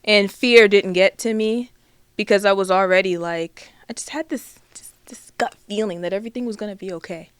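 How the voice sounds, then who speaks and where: A woman's voice: medium pitch, normal speed, smooth, no room sound. A woman guest in a casual interview, telling a personal story animatedly and acting out her family's voices.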